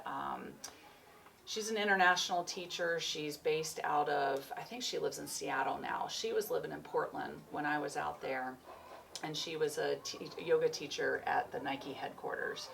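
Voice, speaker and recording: A woman in her forties who works as a chiropractor and yoga teacher chats loosely in a casual interview, rambling a little, free-spirited and laughing often. Her voice is low, gravelly and fairly bright, at normal speed, picked up by a distant mic with faint noise.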